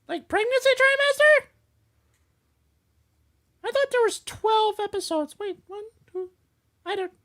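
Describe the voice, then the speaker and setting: Joking and tripping over network promos, this New York co-host reads the network news on a casual podcast recorded in an indoor studio with a teleprompter. Her voice is extremely high and a bit bright.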